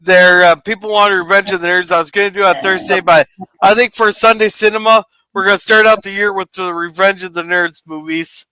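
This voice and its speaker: Bright, high-voiced man hosting a stream. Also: steady tone, brisk, clear, resonant tone, no echo, poor audio. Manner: loose and chatty, reads out viewer comments. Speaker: podcast host. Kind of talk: casual live-stream chat.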